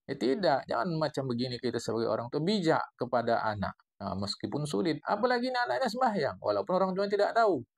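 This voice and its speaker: A man with a Medan Malay accent teaching a classical religious text, explaining it in a lively, digressive way with playful wordplay. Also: fairly high pitch, fast talker, creaky. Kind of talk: classical Islamic text study lesson.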